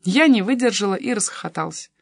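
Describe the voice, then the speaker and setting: A woman's voice: medium pitch, animated, normal speed, no room sound, clean studio sound. Woman narrating a first-person audiobook. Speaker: narrator and heroine.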